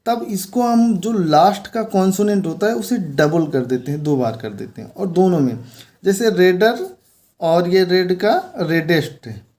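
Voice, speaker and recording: A man teaching a grammar lesson at a very unhurried pace. His voice is mellow and dark, and he explains patiently. He points things out as he goes and repeats each key word. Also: sits high. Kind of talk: board-based grammar lesson.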